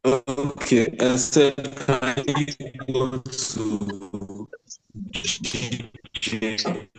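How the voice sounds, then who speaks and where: A man calling in over a connection that keeps breaking up, his words stretched out very slowly and chopped apart. He sounds distant, heard through a remote call. His pitch sits in an ordinary middle range. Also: little pitch movement, a crowd in the background. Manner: halting, words dragged out and cut off. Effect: call breaking up over a weak network connection. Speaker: caller asking a question. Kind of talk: live online trading class. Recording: distant, broken-up online call audio.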